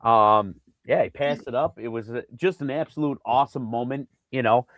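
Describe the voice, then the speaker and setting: A man co-hosting a casual sports podcast, telling an animated story with lots of fillers and acted-out quotes. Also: mid-range voice, normal speed, dry recording. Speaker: podcast co-host.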